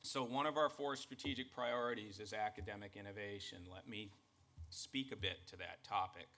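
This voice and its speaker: A man with a Boston accent gives a formal state-of-the-college address, measured and emphatic in his delivery. His voice sits a little low but has a bright, forceful edge. He speaks in an earnest tone. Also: fairly even intonation. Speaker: college president.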